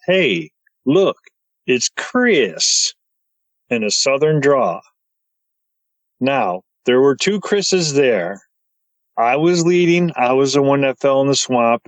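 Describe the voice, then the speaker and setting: A man telling his story as a podcast guest, excited and stumbling over his words as he gets wound up. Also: mid-range voice, dry recording, poor audio.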